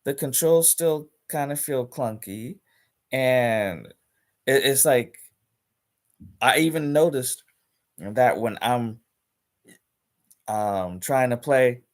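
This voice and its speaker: Slow-talking man ranting on a gaming stream. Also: mid-range voice, lively intonation. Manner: rambling, repeats words and restarts, emphatic. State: hiccups. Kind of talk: casual live-stream rant.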